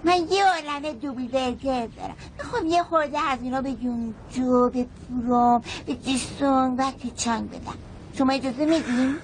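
A woman's voice: sits high, a little hiss or hum, low-quality recording. A woman voicing a small child in a dubbed drama, bossy and demanding. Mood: playful. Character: small child who fancies itself guarded by agents.

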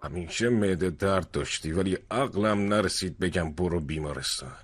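An actor dubbing a concerned older village chief who speaks earnestly and gently reproaches. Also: male voice, sits low, slightly rough, no room sound. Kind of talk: dubbed drama acting.

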